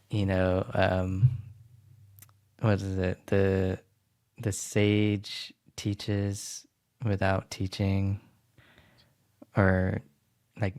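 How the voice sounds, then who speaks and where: A man's voice: low-pitched, darkish tone. A man hosting a podcast interview, chatting casually and searching for his words with many fillers. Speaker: podcast host.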